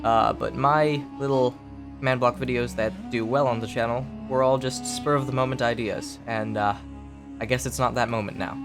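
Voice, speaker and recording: A man who sounds sick, hosting his gaming channel with easygoing, rambling gameplay commentary full of pauses. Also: mid-range voice, fairly even intonation, over music. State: sick, stuffy voice.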